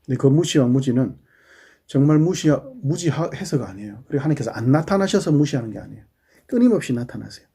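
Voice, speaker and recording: A middle-aged man, a pastor giving a sermon in a conversational way, asking the congregation questions and dropping into quiet asides. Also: mid-range voice, animated, quick pace, creaky, breathy edge.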